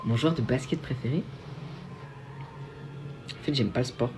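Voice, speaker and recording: A man's voice: mid-range voice, normal speed, noisy background. A young man from Belgium, hosting a casual livestream and answering viewer questions in a chatty, self-mocking way with frequent restarts. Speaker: livestream host.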